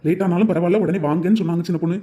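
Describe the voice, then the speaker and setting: Someone voicing a fast-talking young husband. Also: mid-range voice, noisy background, natural voice. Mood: pleading. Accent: Tirunelveli Tamil. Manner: pleading, reasoning. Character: young married son, patient and reasoning. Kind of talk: cartoon voice acting.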